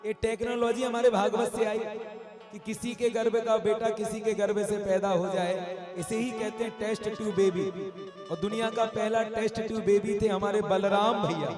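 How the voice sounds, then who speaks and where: A high-voiced man tells a devotional story with plenty of animation and humorous asides. His voice rings through a large, echoey hall, with music playing in the background. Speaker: religious storyteller.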